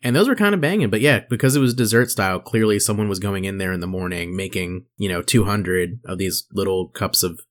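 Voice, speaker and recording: A deep-voiced man co-hosts a podcast, talking briskly with few pauses. His casual banter is laid-back and slangy, and includes some reading aloud.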